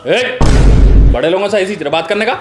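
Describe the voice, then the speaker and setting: A man's voice: high voice, lively intonation, moderate pace, faint music behind. A man playing a middle-aged relative with a Hyderabadi accent who scolds a cheeky nephew in a comedy sketch. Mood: scolding. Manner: scolding, exasperated. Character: middle-aged male relative, father of a big brood.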